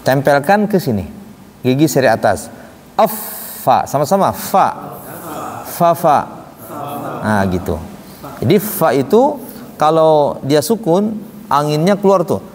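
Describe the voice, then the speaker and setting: A man's voice: on the high side, sing-song, slow pace, long pauses, darkish tone, slight background noise. A male teacher giving a lesson on pronouncing Arabic letters, demonstrating each sound and leading group drills in a patient, explanatory way. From Indonesia. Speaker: Quran recitation teacher. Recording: long reverb, faint ambience.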